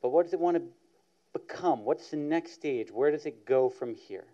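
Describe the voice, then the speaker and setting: A man opening a public presentation, laying out questions in a measured way. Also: a little high, lively intonation, mellow. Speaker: panel moderator. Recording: dull lo-fi sound.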